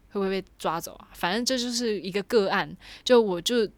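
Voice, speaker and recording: A young woman casually telling a personal story, animated and chatty with lots of fillers. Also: mid-range voice, fairly quick, no room sound. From Taiwan.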